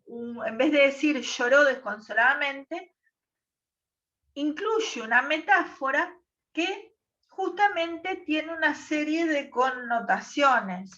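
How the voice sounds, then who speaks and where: A woman's voice: high voice, bright, forceful tone, far from the mic, highs cut off. A woman teacher, patiently explaining a text to a class and checking in with short questions. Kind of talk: online class lesson.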